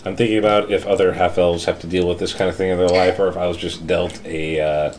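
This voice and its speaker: A man playing a tabletop game, talking in a rambling, halting way and breaking into laughs. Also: low voice, flat delivery, a little mellow, a little hiss or hum. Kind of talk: casual in-character game chat.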